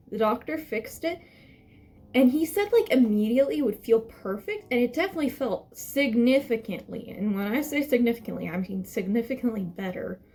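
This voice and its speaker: A woman's voice: fairly high pitch, darkish tone. A young adult woman tells a personal story casually, rambling, correcting herself and stressing her points. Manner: rambling, self-correcting, emphatic. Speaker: vlogger telling a personal story.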